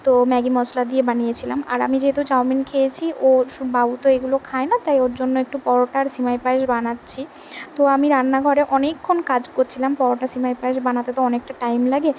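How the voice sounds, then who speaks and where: A woman's voice: sits high, flat delivery, fast talker, a little mellow, a little hiss or hum, rough recording. A young woman chatting casually through a home vlog, narrating her chores on a handheld phone while pregnant and sweaty from housework. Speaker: vlogger. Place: home, rooms and kitchen.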